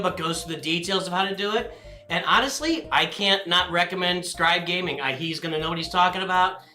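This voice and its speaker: Man, stream host, casual rambling chat, bright tone, roomy echo. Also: high-pitched. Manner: rambling, apologetic, answers chat questions aloud. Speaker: livestream host and guild leader. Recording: echoey room with faint music.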